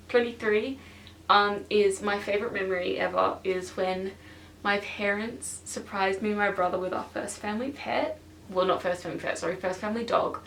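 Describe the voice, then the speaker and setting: A teenage girl chatting to camera for her vlog, excitable and full of fillers, filmed on a stationary camera in her bedroom. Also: mid-range voice, vocal fry, slight background noise. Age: teens. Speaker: vlogger. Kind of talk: casual chat to camera. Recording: roomy and distant from the camera.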